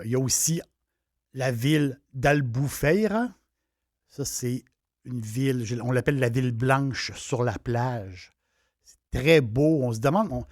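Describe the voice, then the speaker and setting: A man's voice: mid-range voice, dry recording, studio quality. A man with a Quebec French accent, hosting a casual travel talk and chatting with enthusiasm, often restarting his phrases. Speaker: travel host.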